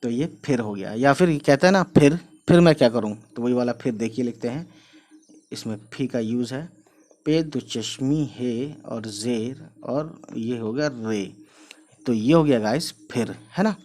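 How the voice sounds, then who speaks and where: A man's voice: mid-range voice, a little slow, darkish tone. Chatty man teaching script writing. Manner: chatty, repeats "you know" and "guys", explains while writing. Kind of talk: casual online writing lesson.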